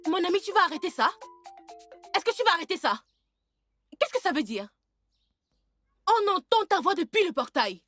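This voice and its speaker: An indignant, scolding young princess in a French film dub. Her voice is very high and jumps about as she rattles off complaints. The sound is dry. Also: big pitch swings, moderate pace, long pauses, fairly bright tone, dry recording, faint music behind, heavily acted.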